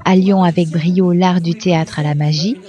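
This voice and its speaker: Mellow, lowish female narrator, dull sound. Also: steady tone, moderate pace. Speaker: report narrator. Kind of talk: scripted narration. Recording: dull lo-fi voice-over.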